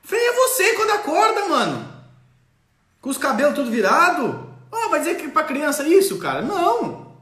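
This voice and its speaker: Man, high voice, lively swooping pitch, parenting live-stream host, roomy echo. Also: normal speed. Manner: animated, acts out parent and child voices. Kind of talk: casual live-stream advice.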